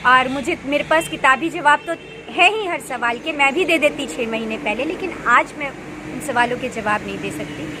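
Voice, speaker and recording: Woman, 30s, earnest and unhurried, high pitch; recorded with noticeable background noise. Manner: earnest, unhurried, with many pauses and fillers. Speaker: meditation practitioner. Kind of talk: casual spoken advice.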